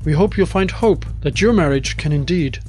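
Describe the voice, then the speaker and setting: A man's voice: on the high side, normal speed, darkish tone, faint music behind. A man, a charity chief executive, giving an earnest, scripted overview on radio.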